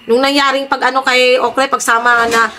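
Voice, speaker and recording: A woman vlogger with a high, bright voice rants to her followers in heated commentary. She sounds indignant and keeps asking her audience to back her up. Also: flat delivery, fairly quick, slight background noise. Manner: ranting, indignant, repeatedly asks "di ba?". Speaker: vlogger addressing her viewers.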